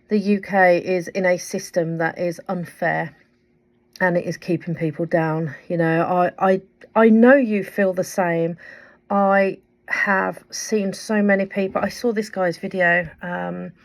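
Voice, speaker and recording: A woman's voice: lowish voice, steady tone, measured pace. A woman giving an earnest, impassioned weekly update to her viewers, rambling with fillers as she talks. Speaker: vlogger and writer. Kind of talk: direct-to-camera weekly update.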